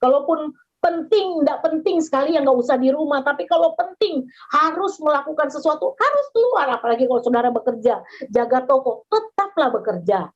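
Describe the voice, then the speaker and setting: A middle-aged woman pastor giving a sermon over a video call, animated storytelling that acts out the voices in her stories. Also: high-pitched, brisk. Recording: dull lo-fi video call audio.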